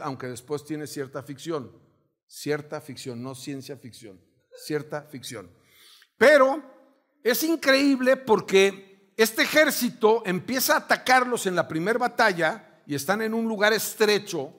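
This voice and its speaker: A middle-aged pastor with a Mexican accent and a slightly high voice preaches a sermon, telling a story with animated energy and acting out shouted commands.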